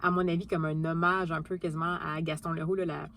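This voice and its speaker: A woman's voice: deep voice, flat delivery, quick pace, a bit bright, a little hiss or hum. A woman with a Québécois French accent chatting casually about her reading, with many fillers and restarts. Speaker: book vlogger. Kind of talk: casual book vlog chat.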